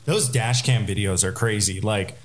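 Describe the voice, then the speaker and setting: A man's voice: on the low side, normal speed. A man co-hosting a podcast in casual chat, telling stories hesitantly with lots of fillers. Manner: rambling, hesitant storyteller with many fillers. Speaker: podcast co-host.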